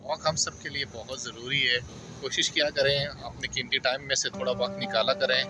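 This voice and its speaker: A man in his forties filming himself on a phone while walking outdoors through a park, calmly narrating a walking tour and giving gentle advice to viewers. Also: mid-range voice, brisk. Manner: calm, reflective, gives gentle advice to viewers. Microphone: phone held at arm's length. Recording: loud background music. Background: loud music.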